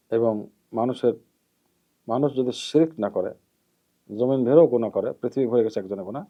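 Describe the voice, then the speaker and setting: A man giving a measured hadith lesson as an Islamic preacher, repeating key terms and letting his phrases trail off softly. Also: on the low side. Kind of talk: hadith lesson, explaining and admonishing. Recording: dull lo-fi recording.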